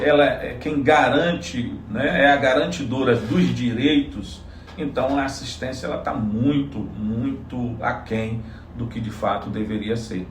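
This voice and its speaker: Recorded far from the mic in an echoey space with a bit of background noise, this man speaks at a medium pitch. He's a psychologist and political candidate from Salvador, Bahia, Brazil, giving sincere, explanatory interview answers full of restarts.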